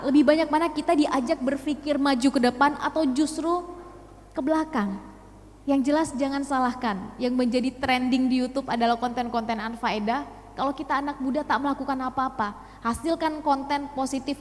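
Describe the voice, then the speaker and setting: A young woman addresses a live audience in a motivational talk. She poses rhetorical questions and slips English phrases into her speech. Her high voice rings with a long hall reverb. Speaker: speaker at a youth talk show.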